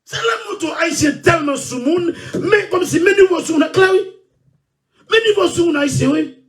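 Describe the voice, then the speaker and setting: Shouting high-voiced man ranting. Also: normal speed, distant mic. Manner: shouting, loud and repetitive. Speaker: online show host. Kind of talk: impassioned rant.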